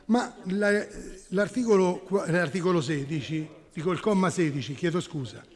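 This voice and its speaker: A man's voice: high-pitched, moderate pace. A man speaking as a town councillor in a formal council debate, arguing and often correcting himself. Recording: echoey council chamber.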